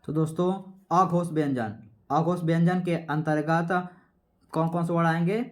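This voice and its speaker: A man's voice: a little high, steady tone. Man quizzing himself through a lesson. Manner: repetitive, quizzing, asks and answers himself; sounds out letters slowly. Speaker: teacher. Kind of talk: exam-prep grammar lesson.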